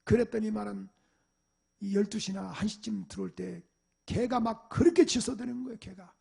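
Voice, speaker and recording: High, gravelly-voiced Korean pastor preaching. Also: male voice, normal speed. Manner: animated storytelling, acting out parents and shouting at a dog. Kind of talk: sermon with personal stories. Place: church sanctuary.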